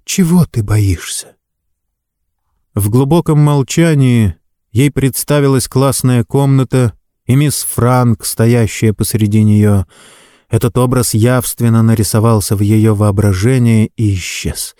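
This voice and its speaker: A man narrating a story in a measured, dramatic reading. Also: medium pitch, steady tone, dark tone, clean tone, no room sound, studio quality. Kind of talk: audiobook narration.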